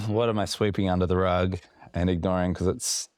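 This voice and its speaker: A man's voice: steady tone, moderate pace, a little mellow, no echo. A man co-hosting a casual podcast chat, rambling with fillers and restarts, a bit woozy from medication. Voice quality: very low, gravelly voice. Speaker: podcast co-host.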